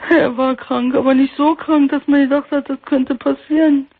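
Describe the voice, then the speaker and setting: A woman in her sixties calling in to a radio show, grieving and near tears, speaking haltingly and repeating herself. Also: high voice, steady tone. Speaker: caller. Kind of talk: phone-in call. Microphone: telephone. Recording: tinny phone line.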